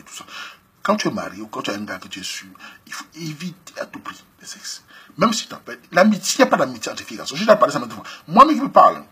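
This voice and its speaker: With a husky voice and a Cameroonian French accent, a male host comments on a listener's letter and offers advice in a lively, slangy style. He laughs often and swings between loud outbursts and low asides.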